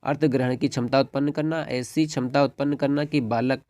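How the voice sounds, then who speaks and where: A man's voice: mid-range voice, steady tone, fairly quick, darkish tone, no echo. Guy going through exam answers for students, keeps saying friends and ok, dry close mic. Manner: repeats "dosto" and "theek hai", reads answers as dictated lists. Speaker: exam tutor. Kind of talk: exam paper walkthrough lesson.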